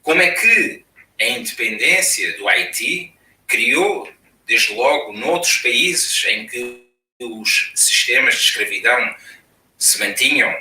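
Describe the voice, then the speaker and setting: A man from Portugal with a European Portuguese accent, giving an academic lecture as a conference panelist, building his points with measured, repeated phrases. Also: medium pitch, animated, sharp tone. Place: room, online conference talk. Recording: echoey room, speaker far from mic.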